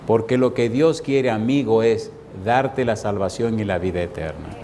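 A man with a low, mellow voice preaches an evangelistic sermon as a pastor, twice asking the congregation the same rhetorical question and slowing down to stress key phrases. Slight background noise is audible.

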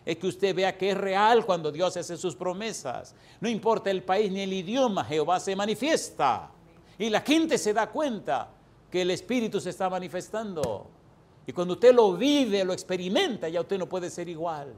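Fervent preacher, a man with a high voice. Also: animated, normal speed. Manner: fervent, with rhetorical questions to the congregation; storytelling with acted-out dialogue. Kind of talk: sermon.

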